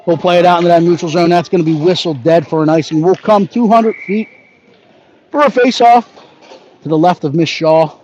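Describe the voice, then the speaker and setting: A man giving brisk live hockey play-by-play, narrating each pass and leaning toward the home team. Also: fairly high pitch, darkish tone. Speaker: play-by-play announcer. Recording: dull lo-fi audio with faint background noise.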